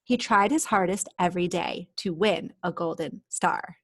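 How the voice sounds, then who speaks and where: Reading a storybook expressively to children, a woman stops now and then for chatty explanations and questions to her young listeners. Her voice is on the low side, with a fairly bright tone.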